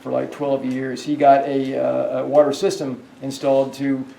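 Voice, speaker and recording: A man's voice: mid-range voice, completely flat delivery, normal speed, gravelly, mellow, far from the mic, slight background noise. A man guiding a ghost tour through a hotel, telling stories in a rambling way with many fillers and restarts. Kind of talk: guided tour storytelling. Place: hotel hallway. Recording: echoey hallway, voice off-mic.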